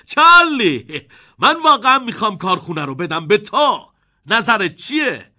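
Playful old chocolate maker by male reader, high bright voice, lively lilt. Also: exaggerated voice.

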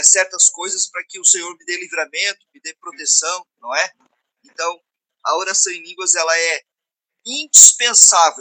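A man's voice: fairly high pitch, pushed and bright, no room sound, low-quality recording. A man co-hosts a talk on prayer, teaching in an earnest, instructive way and tagging his phrases with "né".

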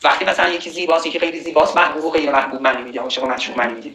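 A man giving a sermon on Quranic verses, slowly reciting Arabic verses and then explaining them in a conversational way. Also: fairly high pitch, flat delivery, creaky, pushed and bright, echoey room, poor audio. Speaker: preacher.

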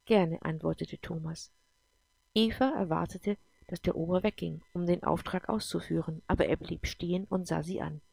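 Gravelly low-voiced woman narrating. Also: normal speed, dry recording. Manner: even, storytelling delivery. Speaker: audiobook narrator. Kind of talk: scripted narration.

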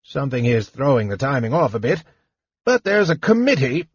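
A man voicing a fussy, excitable male gnome official who chatters fast, explaining everything eagerly. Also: a little high, slightly rough, no room sound, highs cut off, voice pushed up, full character voice.

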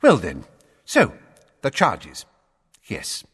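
A man's voice: on the low side, wildly swooping pitch, very slow, fairly bright tone, husky, in a large hall, full character voice. A man voicing a blustering, testy middle-aged minister who reads out charges formally. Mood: pompous.

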